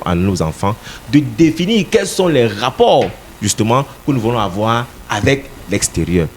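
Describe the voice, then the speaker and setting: Answering a radio interviewer, a political party representative from Cameroon speaks in an insistent, emphatic way and now and then repeats words as he hunts for the right one. He has a medium-pitched voice, and there's a little hiss or hum on the recording.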